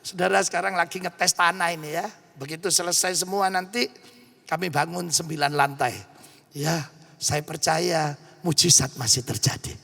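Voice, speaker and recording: A pastor with an East Javanese accent, preaching a sermon in animated storytelling fashion and acting out dialogue. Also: male voice, a little high, moderate pace, creaky.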